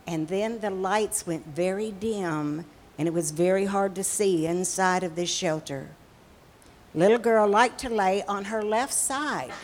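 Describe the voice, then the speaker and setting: A woman telling a story in a sermon, slow and expressive, with dramatic pauses. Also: mid-range voice.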